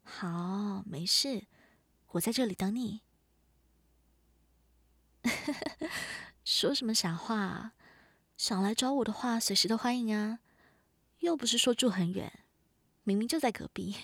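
A woman voicing a gentle, caring, softly teasing neighbor big sister in an audio role-play, speaking softly and coaxingly. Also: medium pitch, takes it slowly, pauses often, slightly rough, dry recording. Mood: quiet, caring. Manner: soft, tender, coaxing.

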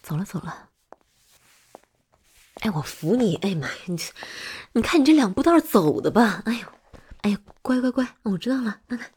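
A woman's voice: medium pitch, big pitch swings, normal speed, pauses often, darkish tone. A woman voicing a hot-tempered but doting older girlfriend in whispered role-play. She swears freely and swings between scolding and coaxing. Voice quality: very breathy, husky.

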